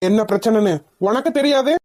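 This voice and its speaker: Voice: mid-range voice, a little fast, close to an everyday voice. A performer voicing a furious young husband. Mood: angry. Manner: shouting, threatening. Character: angry young husband and father. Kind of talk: cartoon voice acting.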